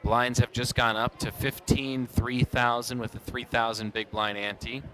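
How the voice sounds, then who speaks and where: A man giving live poker commentary as a tournament commentator, calling the play in a measured, unhurried way with pauses. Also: medium pitch, flat delivery, bright, forceful tone, rough recording.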